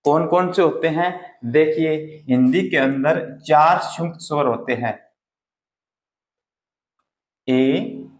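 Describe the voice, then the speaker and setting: A man teaches Hindi grammar slowly and carefully, deliberately drawing out each vowel as he demonstrates it. His voice is slightly high, and the echoey room gives the recording a hollow ring.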